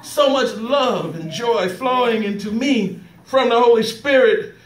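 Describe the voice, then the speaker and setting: A man's voice: extremely high pitch, measured pace. A man preaching a trial sermon, emotional and fervent, telling his testimony with laughter while a congregation calls back. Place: church sanctuary. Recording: echoey church recorded from a distance. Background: congregation calling back responses.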